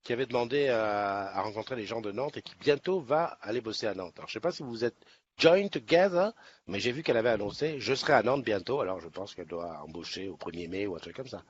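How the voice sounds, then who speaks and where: A man's voice: fairly low pitch, expressive, quick pace. A man from Nice hosting a casual livestream, chatting in a rambling way with many restarts. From Nice, France. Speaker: livestream host. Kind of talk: casual live chat. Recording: slightly dull sound, faint background noise.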